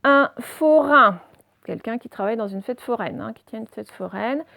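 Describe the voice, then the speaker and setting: A woman teacher giving a reading lesson to young children, spelling out letters slowly and checking in often. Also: fairly high pitch, creaky, a little mellow, dry recording.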